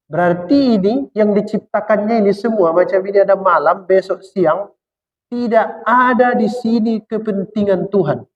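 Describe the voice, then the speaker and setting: A man's voice: sits high, moderate pace, faint music behind. A man giving a Quran exegesis lecture, colloquial and humorous, asking questions and answering them himself. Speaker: Islamic preacher. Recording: dull lo-fi sound in a reverberant hall.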